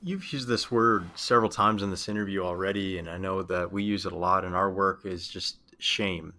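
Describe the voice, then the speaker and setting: A man's voice: low-pitched, fairly even intonation, normal speed, sharp tone. A man hosting an interview, asking a question hesitantly with restarts and a personal story. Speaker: interviewer and host.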